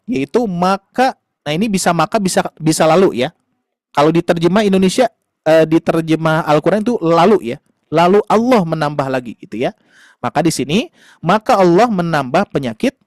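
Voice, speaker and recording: A man's voice: a little high, dry recording, studio quality. A man teaching a Quran class online, explaining patiently to parents with many fillers and tag questions. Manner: patient, explanatory, addresses parents warmly as "Ayah Bunda".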